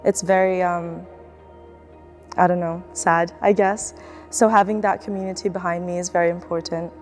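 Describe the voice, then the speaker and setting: A woman's voice: on the low side, level tone, normal speed, a little mellow, soft background music. A young woman student athlete from the Philippines, speaking in a casual, reflective documentary interview with fillers and restarts. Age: young adult.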